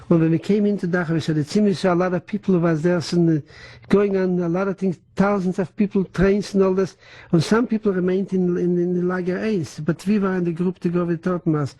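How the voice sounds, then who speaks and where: An older man who is not a native English speaker gives oral history testimony in a halting way, full of restarts and German words. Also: high voice, warm tone, rough recording. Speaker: interviewee.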